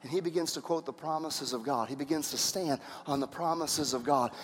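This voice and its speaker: A man preaching a sermon as pastor, telling the story in an animated way and acting out the voices. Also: fairly high pitch, brisk, a little hiss or hum. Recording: reverberant hall.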